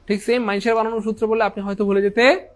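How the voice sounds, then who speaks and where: This is a man with a notably high voice giving an online English grammar lesson. He keeps his students involved with repeated questions that he answers himself in a call-and-response pattern, and he drops English grammar terms into his talk. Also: little pitch movement, racing. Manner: often says "inshallah" and "dear brothers and sisters". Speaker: English teacher.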